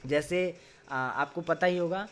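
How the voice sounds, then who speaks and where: A man runs an online Sanskrit class over a video call, patiently explaining and sounding out words slowly, one syllable at a time. He often adds tag questions, and his voice sits on the high side.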